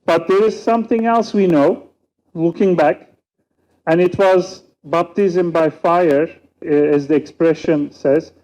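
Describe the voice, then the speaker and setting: Pausing frequently, a Turkish-accented man from Turkey offers a measured, reflective talk on a conference panel; Turkish is his first language. His pitch is a little high and his intonation fairly even, with a darkish tone, captured on lo-fi audio.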